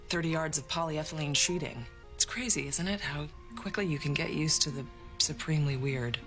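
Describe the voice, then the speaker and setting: A tense, sleep-starved young woman with a lowish, bright, sharp-edged voice. She speaks quietly and earnestly over faint music. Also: brisk. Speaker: TV drama character.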